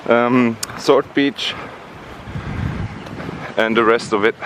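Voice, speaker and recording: Male travel vlogger, unhurried and halting with fillers, outdoors with faint noise behind. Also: medium pitch, fairly even intonation. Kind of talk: casual vlog narration. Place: outdoors on a rainy coast.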